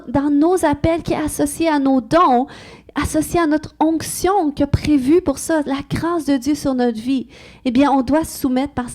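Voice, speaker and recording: A woman with a Québécois French accent delivers a sermon in an earnest, conversational way. Her voice sits high, and she punctuates her points with amens. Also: darkish tone. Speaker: preacher.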